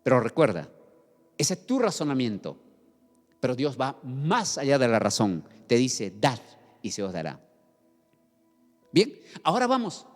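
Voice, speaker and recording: A man's voice: medium pitch, huge pitch swings, measured pace, pauses often, faint music behind. A man preaching a fervent sermon as pastor, often asking the congregation questions. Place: church hall. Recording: long hall reverb.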